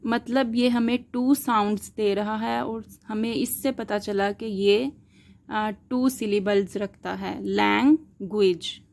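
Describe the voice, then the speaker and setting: A woman's voice: fairly high pitch, steady tone, gravelly, a little mellow. A woman teaching linguistics in a lecture, explaining terms step by step, asking questions and answering them herself, and mixing English words into her Hindi. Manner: slow, deliberate, spells out examples letter by letter.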